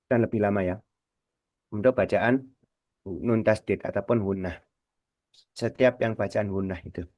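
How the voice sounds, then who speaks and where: Man, radio tajwid teacher, patient and repetitive, low voice, dull lo-fi dry broadcast sound. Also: no room sound. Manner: slow, patient, repeats words to demonstrate. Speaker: Quran recitation teacher.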